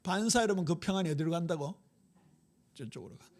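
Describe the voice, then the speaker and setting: Lively Korean pastor with a Gyeongsang lilt. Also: male voice, a little high, fast, slight background noise. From Daegu, South Korea. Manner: lively preaching, jokes with the congregation. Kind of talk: sermon.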